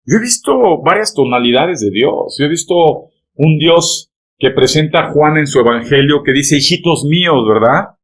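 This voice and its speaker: A man's voice: a little high, animated, moderate pace, a bit bright. A male pastor delivering a sermon, speaking directly to the congregation and constantly checking in with rhetorical questions. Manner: emphatic preaching, peppered with rhetorical "¿verdad?" and "¿amén?" checks; addresses the congregation directly, telling them to turn to each other.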